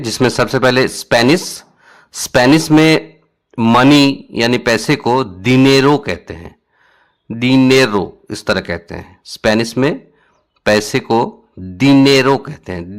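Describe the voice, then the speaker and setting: A man presenting an explanatory lesson, going slowly and repeating each word several times so viewers can follow. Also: mid-range voice. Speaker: educational video presenter.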